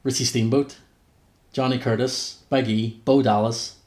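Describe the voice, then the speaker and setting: A man's voice: medium pitch, fairly even intonation, measured pace, a little mellow. A man co-hosting a podcast, chatty and jokey. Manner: chatty, jokey, reels off names. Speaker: podcast co-host. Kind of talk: casual wrestling podcast chat. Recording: roomy echo.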